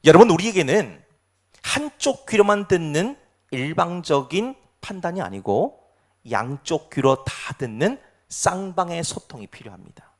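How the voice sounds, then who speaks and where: A male pastor preaching a sermon, asking the congregation questions and swinging between loud cries and quiet asides. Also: a little high, big pitch swings, a little slow. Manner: asks the congregation rhetorical questions.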